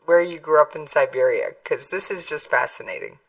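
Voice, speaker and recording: A woman's voice: low voice, fairly quick, far from the mic, rough recording. A woman interviewing someone in a casual, conversational way.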